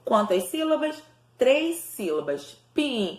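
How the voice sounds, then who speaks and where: Lady teacher sounding out words slow for little kids, kinda high voice, echoey room. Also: expressive. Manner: slow, syllable-by-syllable enunciation for children. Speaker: primary school teacher. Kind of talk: recorded remote lesson for young pupils.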